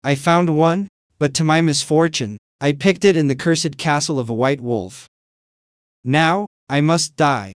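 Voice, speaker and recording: A poor, frightened father from a storybook tale, pleading slowly, voiced by a male narrator. The voice sits a bit high for a man. The recording is dry and close. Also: clear, resonant tone, no room sound, lightly acted.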